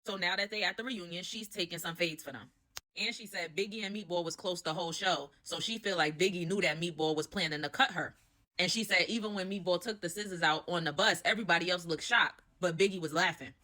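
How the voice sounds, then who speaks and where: Fast-talking, bright-voiced young woman recapping. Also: lowish voice. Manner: fast, opinionated and gossipy, with slangy asides. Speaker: reality TV recap host. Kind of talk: casual show recap.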